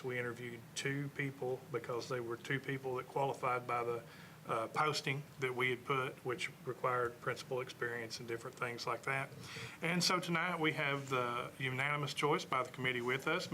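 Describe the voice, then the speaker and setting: A man's voice: medium pitch, pushed and bright, a little hiss or hum, low-quality recording. A man serving as school superintendent, giving an earnest board meeting report with frequent fillers.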